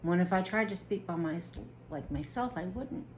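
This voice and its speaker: A woman vlogger speaking earnestly and deliberately about her own experience, with occasional restarts. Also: fairly low pitch, animated, slight background noise, low-quality recording. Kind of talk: personal reflective monologue to camera.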